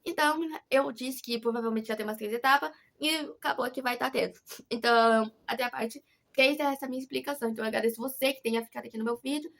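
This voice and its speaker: Brazilian woman vlogger, high-pitched, rapid-fire, earnest confessional rambling. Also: steady tone, vocal fry, a bit bright. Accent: Brazilian Portuguese. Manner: rambling, earnest, many restarts. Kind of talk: casual confessional vlog.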